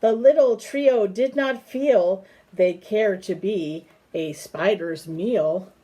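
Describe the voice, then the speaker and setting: A woman with a dark, mid-range voice and a breathy edge reads a children's story aloud. Her pace is easy, and she breaks off for friendly asides, asking a little bird simple questions to coax it along.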